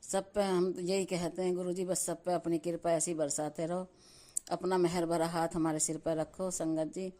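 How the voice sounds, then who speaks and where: Low, flat-voiced devout middle-aged woman. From Delhi. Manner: devout, repetitive, many restarts; halting, cuts off words midway. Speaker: devotee sharing testimony. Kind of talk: devotional testimony to a congregation.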